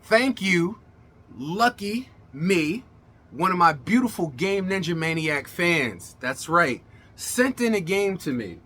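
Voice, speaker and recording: A middle-aged man hosts a casual gaming vlog, talking to his viewers in an emphatic, colloquial, showman-like monologue. His voice is high-pitched with big pitch swings, slow, pushed and bright. His words come out slightly slurred, as though his mouth were swollen.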